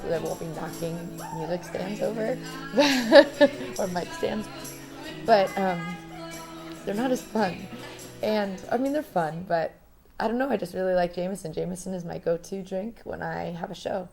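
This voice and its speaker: A woman's voice: lowish voice, moderate pace, gravelly, music in the background. A young woman from Rhode Island, a singer-songwriter, chatting casually and laughing through stories in a living room. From Rhode Island, United States. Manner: chatty, laughing, relaxed storytelling. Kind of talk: casual interview.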